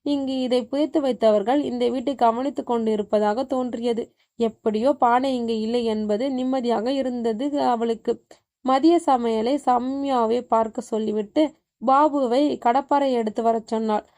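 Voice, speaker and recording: A woman storyteller with a fairly high voice reads a scripted horror story aloud, keeping her delivery even and measured.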